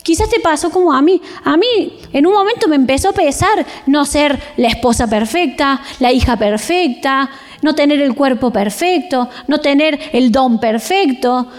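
A woman with an Argentine accent preaching a sermon in church, animated and expressive, acting out everyday scenes. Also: high voice, normal speed. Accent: Rioplatense Argentine Spanish.

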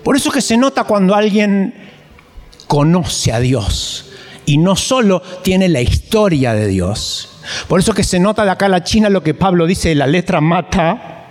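A man's voice: high-pitched, big pitch swings, unhurried, in a large hall, soft background music. A man preaching a sermon, asking emphatic rhetorical questions and reading scripture aloud.

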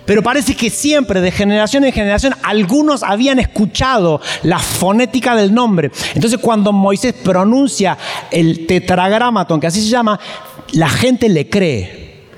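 A man's voice: high voice, animated, normal speed, long reverb tail. A man preaching a sermon, asking emphatic rhetorical questions and reading scripture aloud.

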